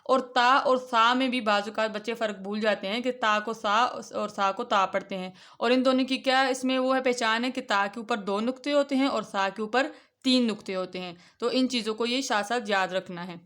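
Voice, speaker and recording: A woman with a fairly high, slightly bright voice leads a children's Quran reading lesson. She explains each point patiently and stretches out the letter names as she recites them.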